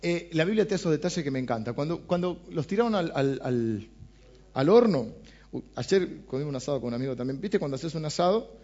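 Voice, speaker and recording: A man's voice: fairly high pitch, animated, fairly quick, dark tone, muffled recording. A man with an Argentine accent preaching a conversational sermon on a Bible passage, casual and chatty, often asking his listeners questions. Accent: Argentine Spanish.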